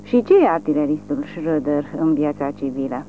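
Shrill screechy young army lieutenant, cruel and sneery, barking orders, woman doing the voice, tinny phone-ish sound. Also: steady tone, lightly acted. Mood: sneering. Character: young sadistic male military police lieutenant. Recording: tinny lo-fi with faint hum.

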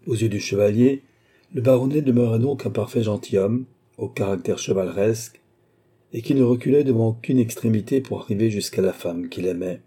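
A male audiobook narrator reading a classic novel in a steady, measured way. His voice is low and husky, with a dark, mellow color.

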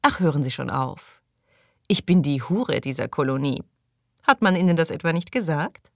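A bold, playful young woman who says exactly what she wants, as a woman reading an audiobook puts her on. She teases and presses in a dry, close-miked voice, pitched higher than the reader's own low tone. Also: lively intonation, normal speed, creaky, dry recording. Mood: insistent. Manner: teasing, direct, playful.

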